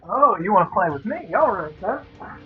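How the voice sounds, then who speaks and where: A man's voice: sits high, big pitch swings, normal speed. Guy chatting in a tabletop game, sounds muffled like through a wall, dull earbud mic, bit of music under it. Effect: muffled and distant, as if heard through a wall. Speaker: player. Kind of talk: casual tabletop game chat. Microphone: earbud headset mic.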